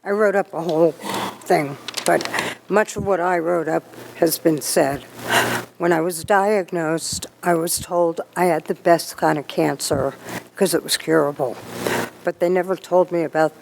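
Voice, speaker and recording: A woman's voice: on the low side, steady tone, unhurried, creaky, a little mellow, slight background noise, poor audio. A middle-aged or older woman from the United States giving plain spoken testimony as a cancer survivor.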